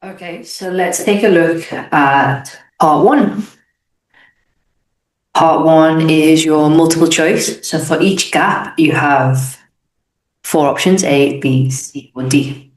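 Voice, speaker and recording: A young British woman with a low voice talks through an English exam aloud, teacher-style, explaining each answer and sometimes correcting herself. She takes it slowly, and the room sounds noticeably echoey.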